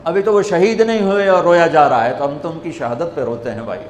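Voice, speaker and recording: Scholar guy narrating a sermon story all dramatic, kinda high voice. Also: roomy sound, long reverb tail, slight background noise. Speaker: religious scholar.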